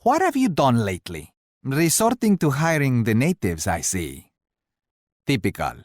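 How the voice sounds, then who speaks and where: A male actor playing an arrogant, mocking Portuguese royal conqueror in a video game, speaking in a haughty, theatrical, deliberate way. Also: medium pitch, wildly swooping pitch, no echo, studio quality. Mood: boastful. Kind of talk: scripted video game taunts.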